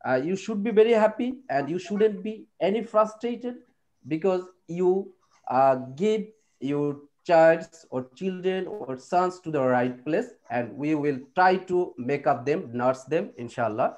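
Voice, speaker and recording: A man from Bangladesh, an English lecturer, giving a speech at a school parents' meeting, slow and halting in English with many "uh"s and quicker in his own language. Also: sits high, animated, darkish tone.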